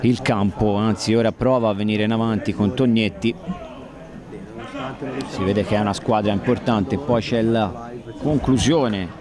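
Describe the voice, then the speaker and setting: A man giving football play-by-play commentary, with breathless, excited goal calls. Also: fairly low pitch, unhurried. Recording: crowd noise of an outdoor stadium. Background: outdoor stadium crowd sounds.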